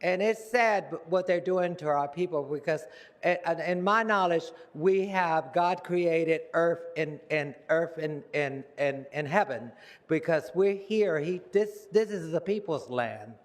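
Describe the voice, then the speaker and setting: A man's voice: fairly high pitch, a little slow. Rambling older man, echoing council chamber. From United States. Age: 70s. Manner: rambling, repeats himself, trails off. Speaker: public commenter. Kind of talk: rambling public comment. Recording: long reverb of a council chamber.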